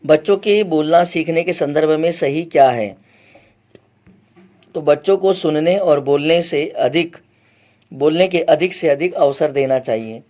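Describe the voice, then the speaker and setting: Here a man teaches exam prep, explaining each point in turn, repeatedly quizzing the class and often clearing his throat. He speaks unhurriedly in a slightly high voice with a darkish tone.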